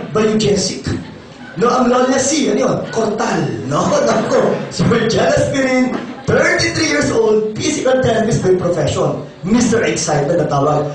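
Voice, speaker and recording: Hoarse Filipino man in an echoey hall. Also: high voice. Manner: energetic, playful, often asks the crowd questions. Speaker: company doctor giving a sales seminar. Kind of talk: lively seminar talk to a live audience. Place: large seminar hall. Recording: very echoey hall, distant, faint room noise.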